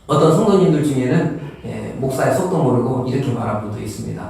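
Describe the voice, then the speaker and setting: A man's voice: medium pitch, lively intonation, fast talker, gravelly, mellow, a little hiss or hum. A man preaching a sermon as a pastor, in a folksy, humorous way, often acting out everyday people in quoted dialogue. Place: church sanctuary. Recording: very echoey church from a distance.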